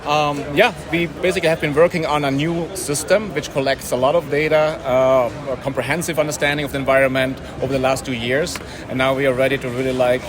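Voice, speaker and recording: A man's voice: mid-range voice, level tone. A man giving casual interview answers at a conference event, often rephrasing as he goes. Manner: halting, rephrasing, frequent "like". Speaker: company representative interviewee. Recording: busy crowd behind. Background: crowd.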